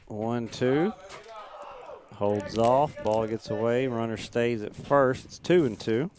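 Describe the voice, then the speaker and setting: A man calls a baseball game pitch by pitch in a brisk, steady delivery. His voice sits in a middle register and rises and gets louder when a ball is put in play. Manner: brisk, lifts in pitch and volume on big plays. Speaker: play-by-play announcer.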